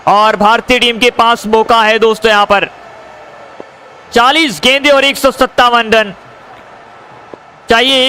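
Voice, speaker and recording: A man giving excited live cricket commentary, addressing viewers as friends and repeating stock phrases. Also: very high voice, low-quality recording. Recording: crowd and noise behind the voice.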